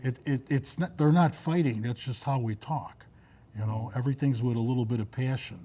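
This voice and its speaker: A middle-aged man on a casual studio talk show, his voice mellow and warm in tone. He tells stories emphatically and with plenty of animation. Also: mid-range voice, fairly quick. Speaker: guest.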